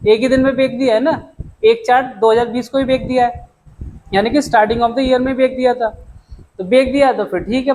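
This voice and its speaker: A young man with a strikingly high voice teaches an accounting class. He talks in a brisk, chummy way and calls his students "beta" and "dost." speech runs through his English accounting terms. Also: low-quality recording. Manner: mixes English terms into explanations. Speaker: commerce tutor. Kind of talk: classroom lecture.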